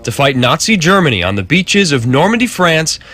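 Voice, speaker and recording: Lively American news reporter, higher-voiced man. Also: moderate pace. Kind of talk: scripted news narration.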